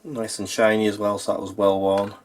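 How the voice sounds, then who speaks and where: A repair technician and video host narrates an informal how-to, speaking matter-of-factly while working with his hands. His fairly low, darkish voice is level in tone and brisk, and the recording is clearly noisy with clicks.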